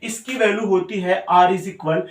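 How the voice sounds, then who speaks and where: A man's voice: sits high, a little slow. A man teaching a physics lesson, repeating each point and quizzing his students. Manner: mixes Hindi with English terms. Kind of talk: classroom lecture. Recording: roomy sound, mic set far off.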